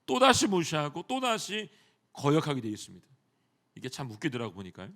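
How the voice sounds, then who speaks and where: A male pastor preaching a sermon in a church, animated and often addressing the congregation directly. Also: a little high, a little fast. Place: church sanctuary.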